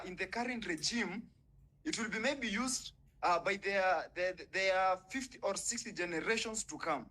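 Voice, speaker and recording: A young Kenyan man calls into an online audio space and delivers a fiery, indignant speech, swearing as he goes. His voice sits on the high side, bright and forceful, though the audio quality is poor.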